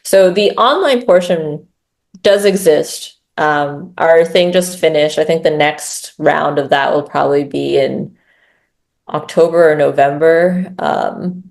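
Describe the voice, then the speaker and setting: Low, gravelly woman, relaxed chatty interview guest. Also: takes it slowly. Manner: chatty, filler-heavy, frequent tag questions. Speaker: growth lead, interview guest. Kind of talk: casual interview talk.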